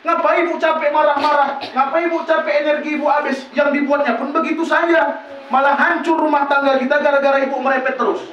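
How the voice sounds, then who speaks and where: A preacher giving a lively village sermon in a prayer house, asking rhetorical questions and answering them himself. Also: male voice, very high-pitched, fast talker, a little hiss or hum. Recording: very echoey room, distant mic, dull.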